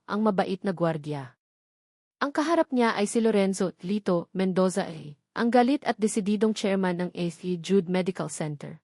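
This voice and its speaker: A woman with a Filipino accent narrates a scripted, dramatic love story. Her voice is mid-range with a darkish tone, recorded dry with clean studio sound.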